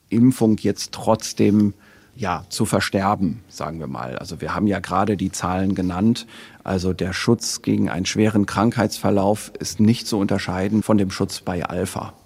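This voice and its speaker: Expert guest, male, lowish husky gravelly voice, measured and careful. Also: a little mellow. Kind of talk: podcast interview, explaining data.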